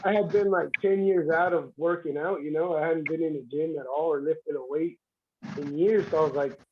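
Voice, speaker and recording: A man with a high voice rambles through a casual story, full of fillers and restarts. His stream audio sounds dull and lo-fi, with a faint hiss behind it. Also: fairly even intonation, a little fast. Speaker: armwrestling competitor guest. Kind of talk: casual livestream chat.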